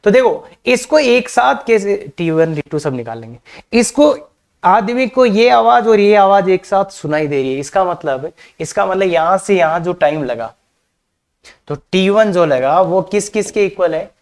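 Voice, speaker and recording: A man's voice: high voice, expressive, unhurried, creaky. A man teaching a maths class, chatty, mixing English terms into his talk and calling the students kids. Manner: addresses students as kids, asks rhetorical questions. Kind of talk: classroom lecture on coordinate geometry.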